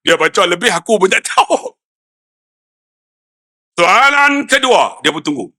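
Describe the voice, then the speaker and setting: A middle-aged man with a Malaysian Malay accent preaching a lively sermon, acting out quoted dialogue and swinging from low asides to high emphatic peaks. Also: fast, slightly rough. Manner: acts out quoted dialogue in storytelling. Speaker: religious preacher.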